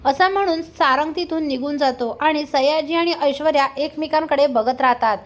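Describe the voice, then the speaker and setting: A woman retelling a TV serial episode in a steady storytelling manner, reading the characters' lines aloud. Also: high-pitched, moderate pace. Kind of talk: plain storytelling recap.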